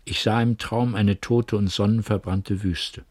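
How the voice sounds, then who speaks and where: A man's voice: fairly low pitch, steady tone, a little slow, a little mellow, no room sound. A man voicing an old, weary friar praying in guilt, grave and inward, in a radio drama reading.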